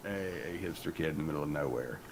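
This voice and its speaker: This young podcast co-host from rural Appalachia speaks fast, with an Appalachian accent and an extremely low pitch. Over a slight hiss or hum, he jokes, rambles, and swears freely in casual chat.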